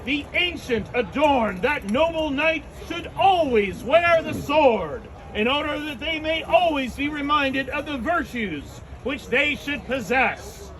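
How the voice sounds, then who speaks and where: A man's voice: very high-pitched, animated, slow, hardly any pauses, fairly bright tone, low-quality recording. A man giving a solemn, regal knighting recitation in formal ceremonial words, as the officiant.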